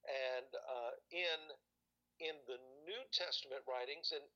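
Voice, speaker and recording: A man telling stories in casual conversation, often pausing and searching for words. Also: medium pitch, bright, forceful tone, muffled recording. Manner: rambling, hesitant, searches for words. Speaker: guest recalling church experiences.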